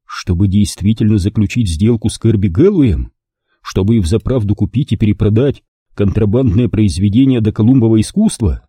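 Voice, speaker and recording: Dark, husky male audiobook narrator. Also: on the low side, no echo. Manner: measured storytelling. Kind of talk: scripted narration.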